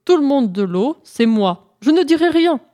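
A woman voicing a kind, helpful little male hippopotamus in a storybook, speaking gently and reassuringly. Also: sits high, sing-song, moderate pace, voice pushed up. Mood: kindly.

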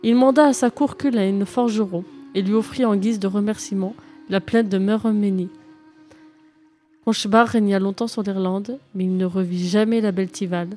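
Woman storyteller, steady storybook reading, faint music under. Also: medium pitch, normal speed. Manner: calm, even reading of a fairy tale. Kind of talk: storybook narration.

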